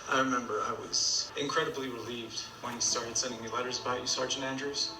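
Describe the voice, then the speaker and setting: An actor playing the father of a fallen soldier, calm and resigned, in a TV drama. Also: medium pitch, fast, echoey room, recorded from a distance, natural voice, low-quality recording. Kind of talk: TV drama acting. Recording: TV audio heard from afar with music.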